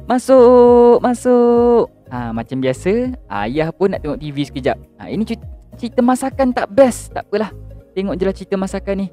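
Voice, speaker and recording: A young man with a high, light voice hosts a casual game role-play as a fussing father. He talks in a lively, joking, bossy way, with faint game music behind. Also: fast talker.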